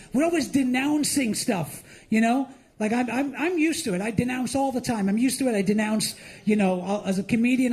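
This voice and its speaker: A middle-aged man from India performing an animated stand-up set as host of a live comedy benefit show. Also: extremely high pitch. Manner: animated, mocking, with lively acted-out asides.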